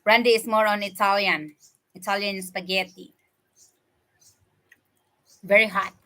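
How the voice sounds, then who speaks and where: An unhurried, sharp-toned woman with a mid-range, level voice hosts a casual livestream. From the Philippines and speaking with a Filipino accent, she eats and chats with viewers, laughing often, into a computer webcam mic.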